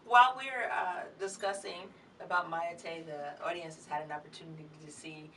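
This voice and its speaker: A woman's voice: on the low side, steady tone, normal speed, pushed and bright, far from the mic, slight background noise. A woman hosting a talk show interview. She talks in a chatty, enthusiastic way.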